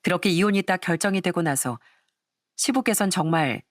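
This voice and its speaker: A woman narrating a first-person family drama story in a plain, measured way. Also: on the low side, animated, no echo, clean studio sound.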